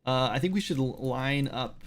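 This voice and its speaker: A man in his late thirties chats casually on a game development livestream while he works. His mid-range voice moves at a normal speed, and his talk rambles along, self-deprecating and packed with fillers.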